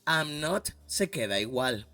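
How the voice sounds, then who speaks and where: A man's voice: medium pitch, big pitch swings, slow pace, bright, forceful tone, no room sound. A man teaching an English grammar lesson, patient and encouraging, often checking in with "ok?". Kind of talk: slow explanatory lesson for Spanish speakers. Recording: dry voice with faint background music.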